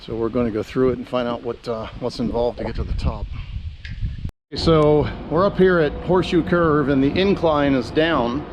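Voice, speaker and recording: A man's voice: medium pitch, moderate pace, background noise. A man narrating a casual travel vlog outdoors, talking eagerly as he walks and points things out, with outdoor sound behind him. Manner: chatty, enthusiastic tour-guide talk. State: out of breath while climbing. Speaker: vlogger. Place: outdoors at a railroad overlook.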